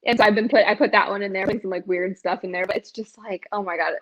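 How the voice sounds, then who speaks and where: A young woman hosting a podcast, chatting in a bubbly, expressive way and laughing a lot. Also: mid-range voice, quick pace. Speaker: podcast host. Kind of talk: casual chat. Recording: dull lo-fi sound.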